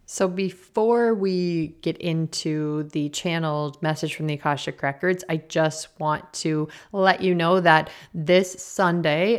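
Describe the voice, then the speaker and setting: Low-voiced woman chatting casually from a basement office. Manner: chatty, informal, laughs easily. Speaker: podcast host and energy healer. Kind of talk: casual podcast chat. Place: small basement office indoors, slightly echoey. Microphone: podcast microphone at a desk.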